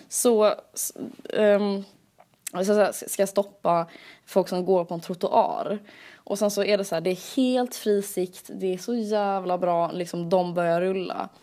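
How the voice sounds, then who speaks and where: Young woman on a podcast, rambling story, lots of "liksom" and "typ" fillers, mid pitch. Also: fairly even intonation. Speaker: podcast co-host. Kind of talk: casual podcast chat.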